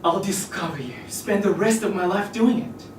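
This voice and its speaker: Slow, emphatic speech performance in an echoey room. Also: medium pitch, distant mic, slight background noise. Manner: emphatic, rhetorical repetition. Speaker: workshop participant. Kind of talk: rehearsed English speech performance.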